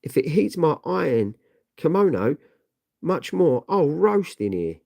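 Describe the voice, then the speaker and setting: Dude doing a jokey armored hero, raised pitch, mellow tone. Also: male voice, sing-song, measured pace, vocal fry, no echo, studio quality, exaggerated voice. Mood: alarmed. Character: wisecracking armored male hero.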